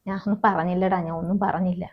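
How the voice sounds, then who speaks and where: A woman's voice: on the low side, level tone, fast talker. A woman acts out an anxious, caring mother-in-law in an amateur family web drama. She soothes, repeats herself, and worries aloud. The recording is a little dull and lo-fi. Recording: slightly dull, lo-fi sound.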